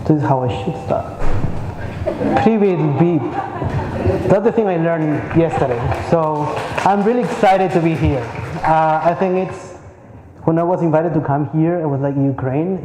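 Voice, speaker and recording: Speaking informally at a conference, a Peruvian man in his thirties frequently repeats words while hunting for the right one. He has a fairly high, warm voice. The large hall echoes, with faint ambience and slight background noise.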